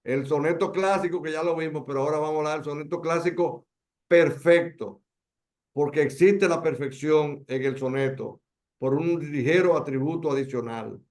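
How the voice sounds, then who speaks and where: A man with a Dominican Spanish accent leads an online poetry workshop over a video call, his voice on the high side with a darkish tone. He speaks emphatically, repeating key words and slowing down to stress them.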